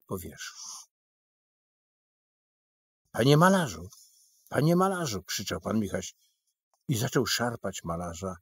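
A man narrating an audiobook in slow, expressive storytelling. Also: fairly low pitch, breathy edge. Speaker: audiobook reader.

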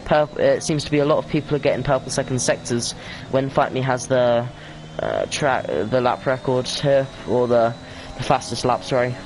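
A man's voice: mid-range voice, moderate pace, hardly any pauses, noisy background. A man giving casual sim racing commentary, tired and hesitant, with lots of ums and corrections of himself. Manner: tired and yawning. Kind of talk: casual esports race commentary.

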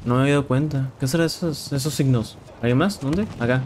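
A young man with a Mexican accent giving casual, excitable commentary while playing a shooter game, swearing and repeating words. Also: medium pitch, fast talker. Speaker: gameplay streamer. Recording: game sounds and noise in background.

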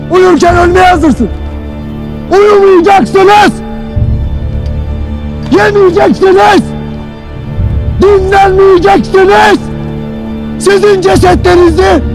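A harsh shouting army commander. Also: male voice, very high voice, heavily acted. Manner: harsh, lecturing, breaks into shouting. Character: stern male army commander berating troops. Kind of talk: film drama acting. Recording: film clip with loud music underneath.

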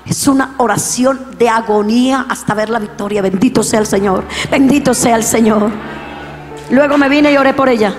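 A woman's voice: a little high, normal speed. Fervent woman preacher. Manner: storytelling, swinging from hushed to fervent shouting. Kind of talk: sermon. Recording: long reverb, faint music behind.

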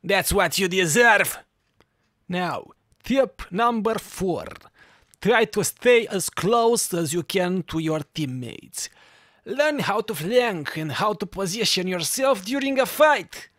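Slow and animated, this man's high voice carries a Russian accent as he jokingly walks viewers through video game tips in a scripted tutorial over gameplay. The studio-quality recording has no room sound, though background music plays behind him.

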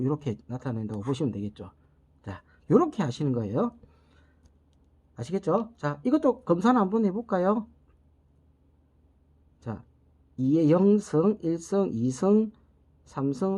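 Middle-aged male instructor, patient lesson delivery, lively pitch, husky edge. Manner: patient, repeats "자" and "요렇게" while working steps aloud. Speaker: network technology instructor. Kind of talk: whiteboard math lesson.

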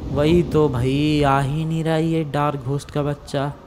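A young man doing game role-play commentary, swinging from hushed talk to loud excited shouting. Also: a little high, measured pace, over music. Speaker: gaming YouTuber.

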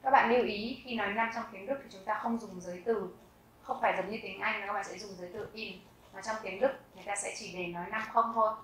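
A woman in her thirties giving a language lesson, repeating each example phrase slowly and deliberately. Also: medium pitch, fairly even intonation, a bit bright, recorded from a distance. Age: 30s. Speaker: German teacher. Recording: very echoey room.

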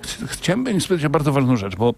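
A male radio host interviewing a politician in a morning studio, in an ironic, teasing way with quick pointed questions. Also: medium pitch, sing-song, vocal fry, a little mellow, faint music behind.

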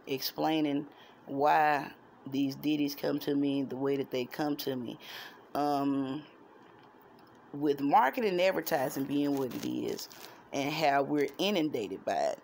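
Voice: mid-range voice, gravelly, darkish tone. An adult around forty chatting casually to a phone at arm's length in a room at home, in a musing, digressive, jokey way. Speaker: vlogger and amateur songwriter. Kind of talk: casual rambling chat to camera. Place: small room at home, indoors. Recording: noisy handheld phone recording.

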